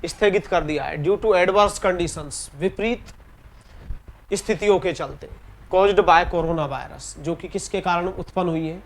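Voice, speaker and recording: A man with an Indian English accent teaching an exam-prep grammar lesson in Hindi. He reads the English example sentences slowly and deliberately and often repeats key words. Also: sits high, gravelly. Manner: repeats key words and ends points with "theek hai".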